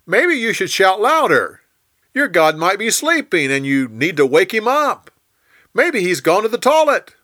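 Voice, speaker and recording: A man voicing a bold male prophet who speaks forcefully and insistently, in a Bible storytelling reading. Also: on the high side, big pitch swings, takes it slowly, voice pushed up, full character voice. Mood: commanding.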